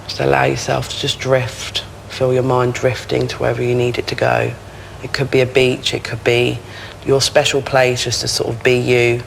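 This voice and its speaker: A man leading a guided meditation in a slow, soothing way. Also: mid-range voice, vocal fry, a little hiss or hum, rough recording.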